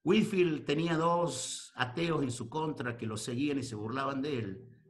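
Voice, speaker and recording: A man in his sixties preaching a sermon to ministers, firing rhetorical questions and swinging between quiet talk and shouting. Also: medium pitch, normal speed, faint music behind.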